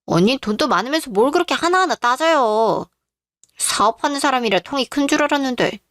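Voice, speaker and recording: A woman's voice: high-pitched, expressive, fairly quick, fairly bright tone, dry recording, clean studio sound. A woman voicing a greedy younger sister-in-law-to-be in a radio drama, talking in a whiny, sulky way.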